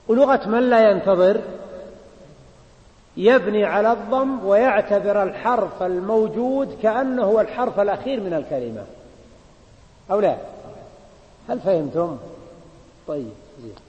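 A man teaching a classroom grammar lesson, slow and emphatic, repeating key words and checking that students follow. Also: high voice, animated, a little mellow. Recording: echoey hall, dull lo-fi sound.

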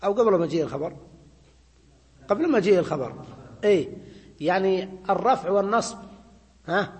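High-voiced man teaching grammar in a reverberant hall. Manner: explanatory, repeats points, checks students with "ها؟". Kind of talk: classroom lecture on grammar.

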